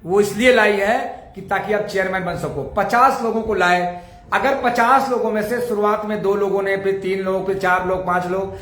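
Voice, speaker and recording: A man's voice: high voice, steady tone, normal speed, a bit bright, roomy sound. A man leading a motivational network-marketing training, using rhetorical questions and repeating key points to drive them home. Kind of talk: motivational sales training talk.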